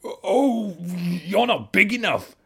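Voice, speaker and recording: A man voicing a shrill, bad-tempered, boastful little ladybird that screeches and shouts in a storybook reading. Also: expressive, slow pace, slightly rough, exaggerated voice. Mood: shouting challenge.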